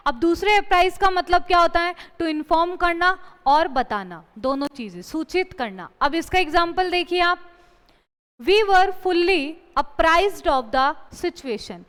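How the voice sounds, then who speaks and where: High-voiced woman teaching English grammar. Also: lively intonation, fairly bright tone, in a large hall. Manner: explains in Hindi, mixing in slow read-out English sentences; asks the class questions and answers them herself. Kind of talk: exam-prep lesson.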